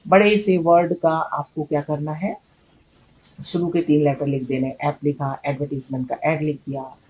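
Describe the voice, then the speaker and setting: A woman's voice: low-pitched, steady tone, moderate pace, a little mellow, rough recording. A woman teaching in a patient, explanatory way, repeating key words and checking in with her students. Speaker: English teacher. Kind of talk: explanatory video lesson.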